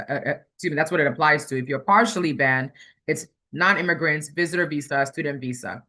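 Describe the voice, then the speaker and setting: Her low voice is bright and forceful. She's a guest attorney from a Ghanaian background in an explanatory interview, explaining matters plainly one step at a time and going back over key points so they're clear.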